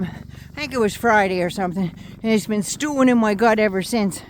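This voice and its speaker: Angry older woman ranting, higher voice. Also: slight background noise. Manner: heated, profane, sarcastic ranting. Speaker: vlogger. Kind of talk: angry political rant.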